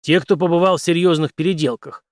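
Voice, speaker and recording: A man voicing a gruff, hardened soldier captain who talks in curt, grim lines. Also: on the high side, steady tone, quick pace, no echo, studio quality, voice pushed up, lightly acted. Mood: weary.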